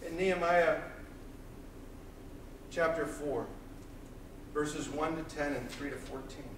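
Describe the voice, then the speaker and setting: A man in his thirties preaching a sermon, pacing the stage of a small church with intense, loud delivery. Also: on the high side, takes it slowly, a little hiss or hum. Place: small church hall, indoors. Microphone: far camera, room mic. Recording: echoey church hall from far off.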